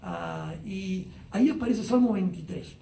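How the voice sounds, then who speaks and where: Pastor, male, high mellow voice, unhurried Bible study talk with fillers, heard from a distance in a roomy space. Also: vocal fry. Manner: unhurried, many "ah" fillers and tag questions. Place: church Bible study streamed live online.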